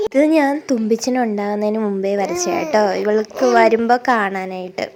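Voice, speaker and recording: A woman's voice: mid-range voice, normal speed, a loud crowd. A mother narrating a family vlog in a chatty way, explaining step by step and correcting herself as she goes. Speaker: vlogger and mother.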